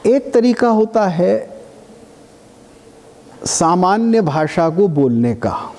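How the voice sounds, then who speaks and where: A man's voice: sits high, sing-song, drawn-out words, a little mellow. A man giving a classroom lecture, explaining patiently and breaking now and then into chanted demonstrations. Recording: reverberant lecture hall.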